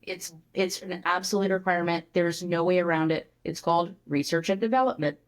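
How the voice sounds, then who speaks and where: A woman who is a guest on a podcast, explaining her ideas in an animated, casual way with many filler words. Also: fairly low pitch, a little fast. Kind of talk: conversational interview.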